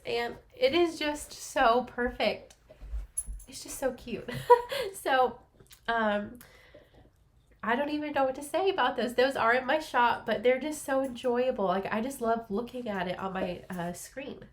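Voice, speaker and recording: Her voice is high and unhurried as she rambles through a casual craft podcast, um-ing often and sounding a bit congested from allergies. The young woman talks to camera from her small home office, captured by a laptop's built-in mic.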